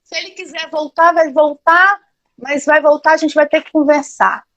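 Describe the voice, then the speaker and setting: High-voiced animated Brazilian woman. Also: normal speed, no room sound, lo-fi sound. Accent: Brazilian Portuguese. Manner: animated storytelling, acts out clients' voices. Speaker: pharmaceutical aesthetician. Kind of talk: live stream talk.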